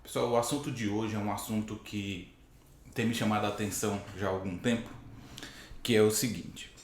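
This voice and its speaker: A hoarse man teaching from the Bible to camera, explaining patiently and rephrasing his points with frequent "né?". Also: lowish voice, fairly even intonation, a little fast, slight background noise. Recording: very echoey room.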